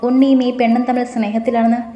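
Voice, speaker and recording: A woman's voice: fairly high pitch, little pitch movement, fast, warm tone, highs cut off, voice pushed up, close to an everyday voice. A woman voicing a cheeky young sidekick. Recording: roomy with faint music.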